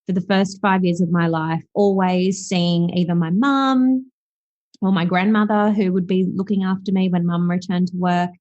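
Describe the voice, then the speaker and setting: On a podcast interview, a thirties-aged guest from South Africa, who has an Australian accent, reflects aloud and uses lots of fillers. She speaks at a moderate pace in a fairly low, steady, darkish voice, captured in a dull, dry recording.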